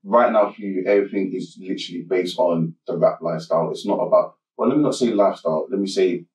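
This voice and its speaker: Low voiced interviewer guy, kinda far from the mic, echoey room. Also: a little mellow. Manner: measured, recaps before asking. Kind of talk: interview questions.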